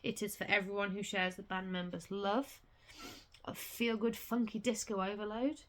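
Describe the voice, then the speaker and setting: Woman, casual vlog reading, halting restarts, sweary outbursts, middle pitch. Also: fairly even intonation, fairly bright tone. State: has the hiccups. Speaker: vlogger reading a set booklet aloud. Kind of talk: casual reading aloud with asides.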